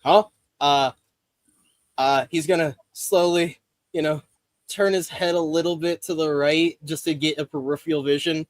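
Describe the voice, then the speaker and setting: A man's voice: fairly high pitch, steady tone, moderate pace, dry recording. A man narrating his character's actions in a tabletop game, in a chatty, descriptive way. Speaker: player.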